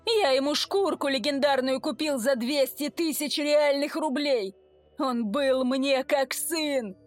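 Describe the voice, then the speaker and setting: A woman's voice: sits high, animated, unhurried, no echo, faint music behind. A woman voicing a big, tearful businessman and ex-convict gamer who bellows in prison slang. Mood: desperate. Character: burly sobbing businessman, ex-convict gamer, man.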